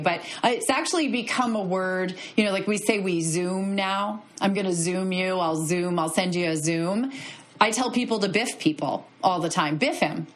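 Woman, podcast host, divorce attorney, enthusiastic, affirming, low pitch. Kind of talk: conversational interview.

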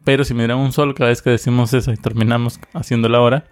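A man's voice: mid-range voice, racing. A man co-hosting a podcast, chatting casually with jokes and rambling asides. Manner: relaxed, joking, rambling. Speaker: podcast co-host. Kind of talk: casual chat.

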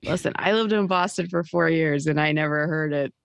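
A woman reporter in a casual political podcast chat, wry and halting, with many fillers. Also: deep voice, creaky, smooth, no echo, clean studio sound.

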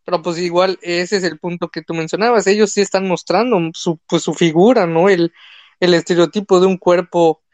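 His voice sits high, with fairly even intonation and normal speed, in a dry recording. He is a young content creator from Mexico, speaking with a Mexican Spanish accent and chatting casually on a live stream in a rambling style with many fillers and restarts.

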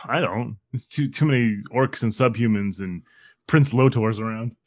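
A man's voice: medium pitch, no room sound, clean studio sound. Wisecracking man on a podcast. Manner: wisecracking, crude, quick quips. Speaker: podcast co-host. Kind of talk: casual movie podcast chat.

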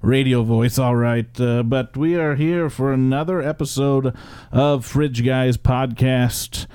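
Mellow, smooth-voiced podcast host, man. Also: mid-range voice, steady tone, slow, no room sound. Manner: upbeat, chatty, with frequent restarts. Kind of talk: casual chat. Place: basement home recording studio.

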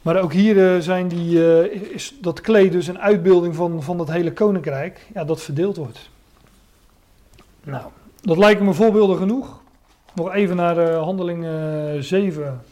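A man preaching a Bible lesson in a warm, mellow voice that sits a little high. He reads scripture aloud and then explains it, stopping often to search for the next word. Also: moderate pace. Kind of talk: Bible teaching sermon.

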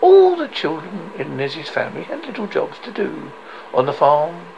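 A person reading a story aloud as a narrator, in a halting way that often stumbles over and repeats words. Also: medium pitch, wildly swooping pitch, vocal fry, dull audio, background noise.

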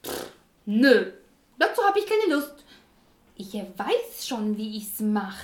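Woman doing a spoiled lazy stepsister, high and whiny, swoops all over, roomy echo. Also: very animated, a little slow, fairly bright tone, full character voice. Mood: bratty. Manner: whiny, bratty, snappy. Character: lazy, selfish, sulky young stepsister. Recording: echoey room.

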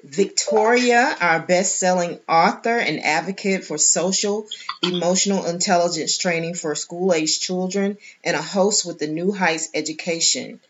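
A woman hosting a round-table podcast, introducing guests in a measured, formal way with some hesitations. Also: fairly low pitch. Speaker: host. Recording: dull lo-fi sound.

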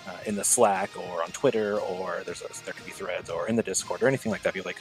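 Male guest, 30s, casual rambler full of "um"s, deep voice. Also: steady tone, quick pace, faint music behind, low-quality recording. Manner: rambling, many fillers and restarts. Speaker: podcast guest. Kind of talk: casual chat.

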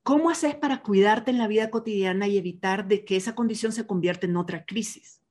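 Calm explanatory woman podcast host. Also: mid-range voice, a little fast. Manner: calm, explanatory, uses voseo. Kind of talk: interview podcast.

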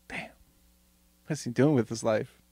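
A young man with a gravelly, creaky edge tells a story in a casual chat. He acts out the other people's lines as he goes. His voice sounds dry and close to the mic, with no room around it. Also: mid-range voice, no echo. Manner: animated storyteller, acts out dialogue.

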